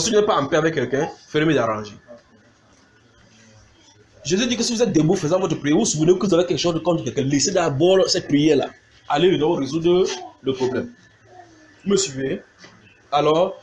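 A man preaching a sermon, animated, mimicking sounds and calling out to his congregation. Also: a little high, slight background noise.

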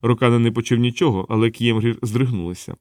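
A man's voice: mid-range voice, steady tone, fast talker, a little mellow, dry recording. Man reading an audiobook, dry close sound. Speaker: audiobook narrator. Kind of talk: scripted narration.

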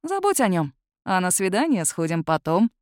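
A woman's voice: lowish voice, very animated, moderate pace, no room sound, studio quality. A woman voicing a smug, self-important young male mage in a storybook reading, pompous and dismissive.

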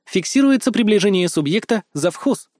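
A man voicing a female AI unit that reports in a flat, formal, clipped way in an audiobook. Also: high voice, normal speed, no room sound, studio quality, voice pushed up. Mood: detached. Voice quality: clipped, formal machine diction. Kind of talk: audiobook character voice.

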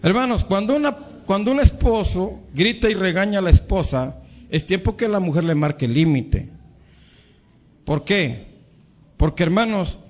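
A man's voice: fairly high pitch, darkish tone, muffled recording. A male pastor with a Mexican Spanish accent preaching to his congregation, calling them brothers and acting out quarrels between spouses. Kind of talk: sermon.

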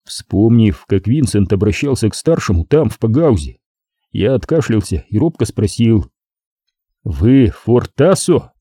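A man narrating a first-person novel as an audiobook in a measured storytelling manner. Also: lowish voice, very animated, warm tone, no echo, studio quality.

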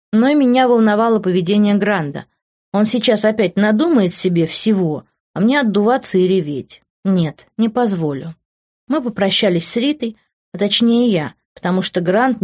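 A woman reading a first-person audiobook with an expressive, emotional delivery. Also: on the low side, lo-fi sound. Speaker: audiobook narrator.

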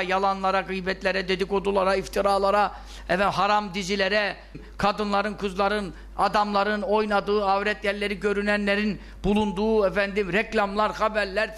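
High-voiced scolding male religious teacher. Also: pushed and bright. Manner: scolding, fires rhetorical questions and answers them. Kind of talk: religious lesson talk.

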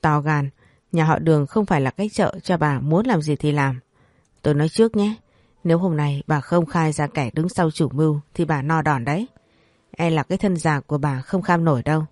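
A woman's voice: low-pitched, normal speed, a little mellow, no echo, studio quality. A woman voicing a young nobleman in a storybook drama, interrogating a servant sternly and threatening punishment.

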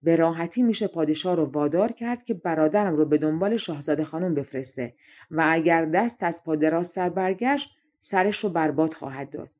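A spiteful, jealous young man schemes against his own brother, as a woman narrator puts him on. He talks slyly and bows and flatters before the king. The delivery is mellow and warm, in the manner of a storybook reading. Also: sits low. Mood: scheming. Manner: sly, fawning toward the king.

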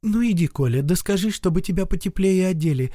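A man voicing a gentle but stubborn young noblewoman wife, talking in a soft, pleading, earnest way. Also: high-pitched, animated, fairly quick, no echo, clean studio sound, pitched above the performer's own voice. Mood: pleading, warm.

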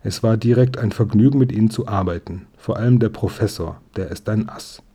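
A man voicing an eager, polite schoolboy detective in a storybook reading, his husky voice raised to sound youthful. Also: lowish voice, a little fast, warm tone. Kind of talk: audiobook character voice.

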